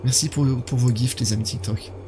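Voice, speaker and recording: A man in his thirties streams a horror game, talking casually to his viewers as he plays. His voice sits at an ordinary pitch for a man. Game ambience is clearly audible behind him. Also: steady tone, fairly quick, very noisy. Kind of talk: casual live gameplay commentary, chatting with viewers. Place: indoor gaming setup.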